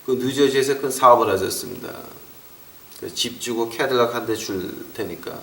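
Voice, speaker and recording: Animated preacher in an echoey hall. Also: male voice, mid-range voice, normal speed, vocal fry. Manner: animated preaching, acting out scolding relatives; slips short English phrases into his talk. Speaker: pastor. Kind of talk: sermon. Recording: roomy echo, mic far off.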